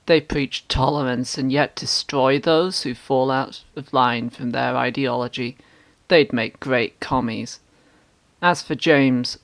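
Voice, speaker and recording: A performer reading online comments aloud in a measured, mock-serious way. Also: medium pitch, creaky.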